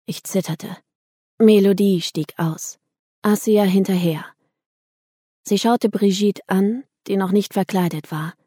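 A woman reading an audiobook aloud in a measured, calm, scripted narration. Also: mid-range voice, breathy edge, dry recording, clean studio sound. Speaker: audiobook reader.

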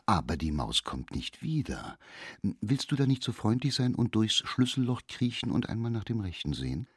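A man's voice: on the low side, big pitch swings, moderate pace, husky, no echo, clean studio sound, voice pushed up. A man voicing a naughty, stubborn child in a fairy tale who schemes and coaxes animals to help him. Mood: scheming.

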